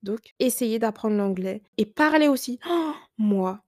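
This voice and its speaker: A woman's voice: fairly high pitch, lively intonation, slow pace, darkish tone, no echo. Chatty young French woman, dry sound. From France. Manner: chatty, emphatic, many fillers. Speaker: podcast host. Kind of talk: casual advice chat.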